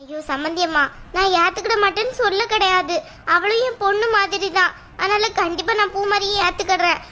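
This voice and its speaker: A woman voicing a gentle, apologetic middle-aged mother of the groom in a cartoon. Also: very high voice, brisk, slight background noise. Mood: soothing. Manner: soft, apologetic, soothing. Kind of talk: cartoon voice acting.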